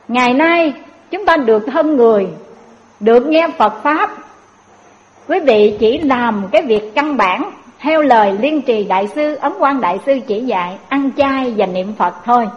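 Woman preacher, high voice, lively story-led sermon, dull recording. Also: unhurried. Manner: lively, addresses audience directly with rhetorical questions. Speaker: Buddhist preacher.

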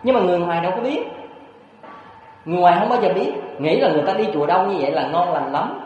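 A man preaching a Buddhist sermon, animated and storytelling, with frequent rhetorical questions to his listeners. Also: sits high, fast talker, soft background music. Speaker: Buddhist monk. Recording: echoey hall, dull lo-fi sound.

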